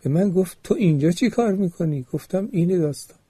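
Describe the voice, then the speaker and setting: A man's voice: sits high, expressive, warm tone, slightly rough, no echo. A man preaching a religious sermon, telling a story with quoted dialogue and earnest exhortation.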